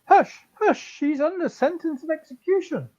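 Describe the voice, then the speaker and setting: A woman's voice: sits high, normal speed, mellow, lightly acted. A woman voicing a timid, jittery rabbit courtier in a storybook read, nervous and fussy, on muffled audio. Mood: nervous, secretive.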